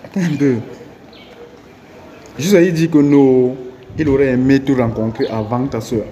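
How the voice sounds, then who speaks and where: A man's voice: medium pitch, steady tone, unhurried, dark tone. Probing male street interviewer. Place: outdoors on a street.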